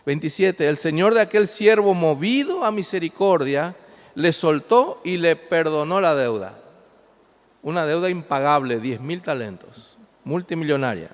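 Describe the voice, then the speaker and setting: A man's voice: on the high side, expressive, unhurried. Man preaching in a reverberant church. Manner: reads scripture aloud and explains it to the congregation; swings between loud emphasis and quiet asides. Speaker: pastor. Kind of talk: sermon. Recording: long hall reverb.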